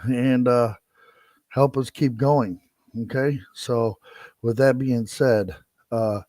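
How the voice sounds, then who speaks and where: With fairly flat intonation and a slow pace, a middle-aged man rants angrily on his podcast, cursing and saying the same things over and over. His voice is medium-pitched and mellow, recorded at studio quality without echo.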